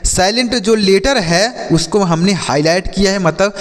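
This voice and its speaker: Male teacher, a little high-voiced, asks questions and answers them himself, reverberant room. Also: moderate pace. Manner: spells words letter by letter and answers his own questions; addresses viewers as friends. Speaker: English teacher. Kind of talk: classroom-style lesson.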